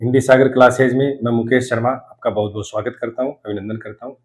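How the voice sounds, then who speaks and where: A man's voice: medium pitch, fairly even intonation, quick pace, darkish tone, poor audio. A middle-aged man teaching a Hindi grammar class, explaining and repeating key words as he goes. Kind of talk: classroom lecture on word pairs.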